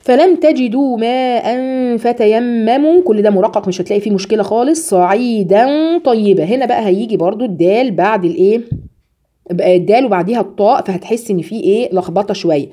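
A woman with an Egyptian accent teaching a tajweed lesson, drawing out recited words slowly and explaining the rules quickly between them. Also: mid-range voice, dark tone. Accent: Egyptian Arabic. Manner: drills sounds slowly, then explains rapidly.

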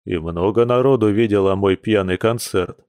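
Dude voicing a miserable hungover werebear guy, low groaning, self-pitying, dry sound. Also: moderate pace, darkish tone, dry recording, natural voice. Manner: groaning, mournful. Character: hungover male bear werewolf, gloomy and self-pitying.

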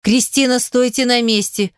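A woman's voice: mid-range voice, moderate pace, smooth, dry recording, clean studio sound, natural voice. A woman voicing a commanding middle-aged king who insistently calls after someone he is pursuing. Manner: insistent, calling out.

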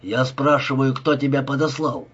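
A man's voice: medium pitch, normal speed, fairly bright tone, slightly rough, highs cut off. A man voicing a brutal gangster who threatens and bullies in a harsh voice. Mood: threatening. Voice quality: harsh, menacing.

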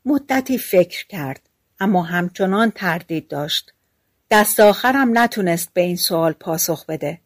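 A woman narrating a fairy-tale audiobook in a calm, even storytelling manner, using relaxed everyday speech. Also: lowish voice, no room sound.

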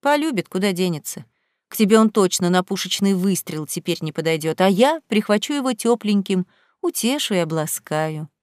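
A woman's voice: mid-range voice, animated, normal speed, a little mellow, no echo, studio quality, natural voice. A woman reading an audiobook, voicing a scheming young rich woman who taunts her rival in a mocking, snide sing-song. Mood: sneering.

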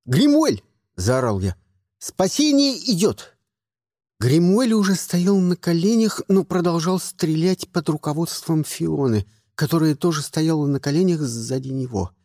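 A man narrating a first-person action story in a wry, expressive reading style. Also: on the high side, normal speed, hardly any pauses, dry recording, studio quality. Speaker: audiobook narrator.

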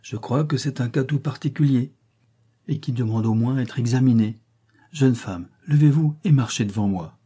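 A man voicing a firm, dutiful young gentleman who speaks calmly and with authority in a storybook reading. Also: medium pitch, normal speed, breathy edge, lightly acted. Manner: calm, commanding.

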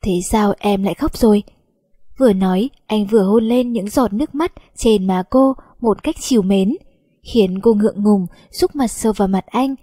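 A woman narrating a romance audiobook with a steady storytelling delivery. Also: medium pitch, normal speed, slightly rough, no room sound, studio quality.

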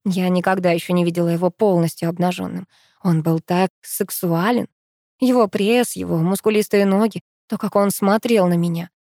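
Female audiobook narrator, first-person romance, intimate delivery, warm tone, dry close mic. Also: fairly low pitch, fairly even intonation, moderate pace, no room sound.

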